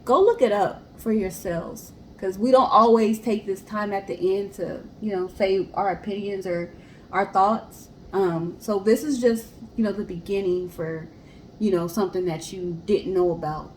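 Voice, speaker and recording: Speaking at a normal speed with a medium-pitched voice, a woman hosts a podcast in an echoey room. She casually discusses a history story, explaining and addressing listeners head-on, over a clear background hiss.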